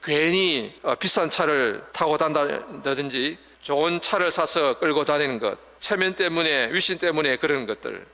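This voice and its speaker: A man's voice: fairly high pitch, animated, moderate pace, few pauses, sharp tone. An older man preaching a Sunday sermon in earnest, explanatory tones, sometimes acting out wailing mourners. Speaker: pastor. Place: church sanctuary. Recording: long church hall reverb.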